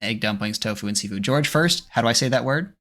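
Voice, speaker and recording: A man co-hosting a casual podcast, reading food clues aloud in a relaxed, chatty way. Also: medium pitch, fast. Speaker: podcast co-host running a food guessing game.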